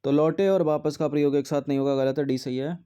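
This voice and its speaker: Mellow-voiced man teaching Hindi grammar. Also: on the high side, steady tone, fast talker, smooth. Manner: methodical, reads options aloud then corrects each. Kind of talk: exam question walkthrough.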